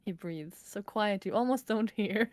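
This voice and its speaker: A woman's voice: medium pitch, unhurried. A young woman streamer playing a story game with a friend, reading the game text aloud and laughing a lot. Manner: giggly, animated.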